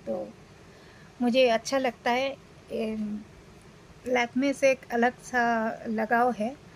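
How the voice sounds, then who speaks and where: A woman's voice: on the high side, steady tone, extremely slow, slight background noise, rough recording. A woman in her forties from India, talking casually to camera as a vlogger, rambling with fillers and restarts, while unwell. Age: 40s.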